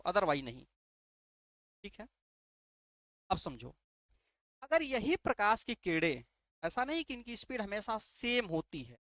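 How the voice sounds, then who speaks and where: A male teacher with a high, fairly bright voice gives an exam-prep lesson in a dry, studio-quality recording. He poses rhetorical questions and answers them himself, repeats key terms often, and checks understanding with "ठीक है".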